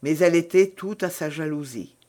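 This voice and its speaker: A woman narrating a classic novel in a measured, even reading voice. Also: low voice. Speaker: audiobook narrator.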